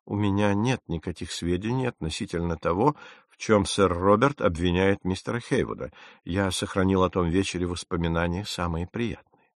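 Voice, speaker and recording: Man reading a composed ship's officer, quiet, measured, low and soft. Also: dry recording, clean studio sound. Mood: calm. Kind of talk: audiobook character reading.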